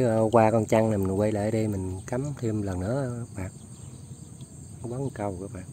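Male vlogger, outdoor field narration, mellow low-key voice, faint insect noise behind; chatty, keeps talking to viewers. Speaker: outdoor fishing and trapping vlogger. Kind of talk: casual narration to viewers while working. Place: outdoors in flooded rice fields.

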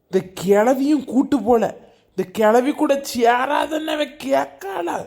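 A woman's voice: high-pitched, unhurried, mellow. A woman voicing an exasperated, scolding middle-aged husband and father, in a cartoon.

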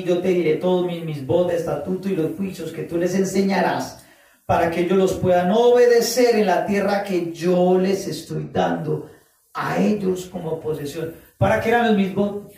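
A man preaching a sermon, animated, acting out quoted voices and drawing out phrases for emphasis. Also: high voice, moderate pace. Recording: echoey room, voice from far off the mic.

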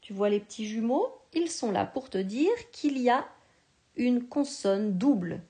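A woman teacher giving a slow, patient spelling lesson to a young child, sounding out each syllable with care. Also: a little high, lively intonation, dark tone.

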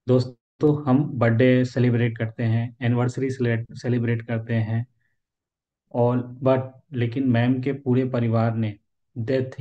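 A man's voice: mid-range voice, muffled recording. A man hosting a live meditation session, earnestly and respectfully introducing his guest. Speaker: host. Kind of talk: formal live-stream introduction.

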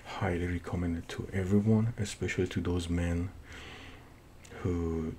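A middle-aged man with a thick Persian accent talks through a casual film review in a low, fairly flat voice. He goes slowly and haltingly, restarting phrases as he hunts for words. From Iran. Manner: halting, searching for words with repeated false starts. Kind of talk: casual unscripted movie review. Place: small home office, indoors. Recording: noisy room recording with low rumble.

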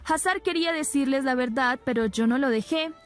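A woman's voice: high voice, fairly quick, soft background music, close to an everyday voice. A woman reading the lines of an anxious mother who pleads and apologizes. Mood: apologetic.

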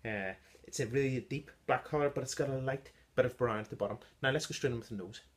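A man in his thirties with a medium-pitched voice reviews his own home-brewed beer in a casual vlog. He is chatty but halting, with lots of ums, as he gives tasting notes. He's filmed indoors in a small room by a device camera close in front of him.

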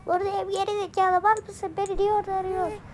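A woman's voice: extremely high pitch, little pitch movement, fast, background noise, pitched above the performer's own voice. A woman voicing a cheeky, insolent baby boy who taunts and whines. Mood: taunting. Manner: bratty, taunting, whiny.

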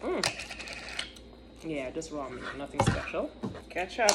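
A woman's voice: sits low, very animated, slow pace. A woman talking while chewing in a casual, rambling food review chat, with fillers and restarts. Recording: clear background noise.

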